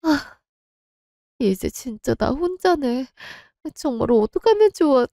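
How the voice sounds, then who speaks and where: A woman's voice: high voice, sing-song, slow, warm tone, no echo, studio quality, pitched above the performer's own voice, exaggerated voice. Woman voicing a distraught young wife. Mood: desperate. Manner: pleading, emotional.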